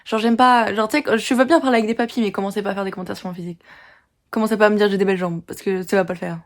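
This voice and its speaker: A teenage girl from France telling a story in a chatty, animated vlog, venting about her day. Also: medium pitch, racing. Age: teens. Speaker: vlogger.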